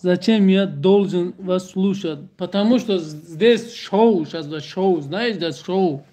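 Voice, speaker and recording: High-voiced Tajik man, joking livestream chat. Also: takes it slowly, mellow. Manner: joking, speaks broken Russian in short repetitive bursts. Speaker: livestream host. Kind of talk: casual livestream chat with viewers.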